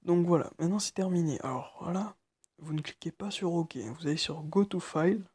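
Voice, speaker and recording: A nervous man walking through a phone tutorial, speaking quietly and haltingly with many fillers. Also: fairly high pitch, slightly rough, no echo. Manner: speaking quietly late at night. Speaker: tutorial maker. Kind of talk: screen-recorded phone tutorial.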